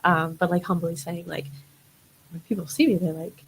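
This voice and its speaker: A woman's voice: lowish voice, fairly even intonation, moderate pace, creaky, a little hiss or hum, rough recording. A young woman, a model, chatting casually as an interview guest, rambling with many fillers.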